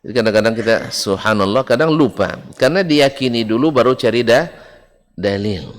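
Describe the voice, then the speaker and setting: A man preaching a religious lecture to a congregation, often asking the audience if it is clear and chuckling along the way. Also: medium pitch, animated, fairly quick. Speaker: Islamic preacher teaching a book study. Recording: long hall reverb.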